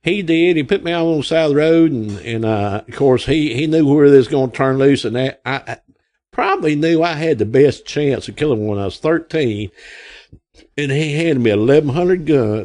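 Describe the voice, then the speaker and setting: In his sixties and from Arkansas, this man speaks with his home accent in an animated, warm, mid-range voice at normal speed. He's a guest in an interview, rambling through folksy stories and mimicking the people he quotes.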